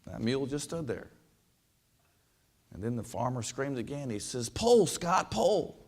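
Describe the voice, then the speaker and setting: Kansas-raised coach giving a speech, tells a story, lots of uh and um, mid pitch. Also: male voice, normal speed, a little mellow. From western Kansas, USA. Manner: rambling, repeats words, many fillers. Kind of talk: folksy storytelling speech to an audience.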